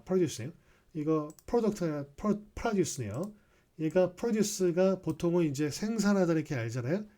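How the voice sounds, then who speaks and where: A man's voice: fairly high pitch, dark tone. A male English teacher explaining sentences in a recorded class, reading English lines aloud between explanations and often checking with rhetorical questions.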